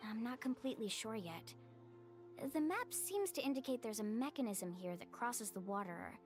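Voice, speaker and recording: Actress as an upbeat high-voiced young adventurer woman. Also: expressive, normal speed, faint music behind, natural voice. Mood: upbeat, pondering. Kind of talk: scripted game dialogue.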